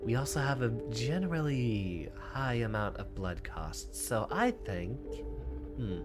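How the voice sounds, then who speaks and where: A man's voice: mid-range voice, big pitch swings, a little slow. A man giving casual commentary as he plays a card game, boastful and thinking aloud. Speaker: streamer playing a card game. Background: music.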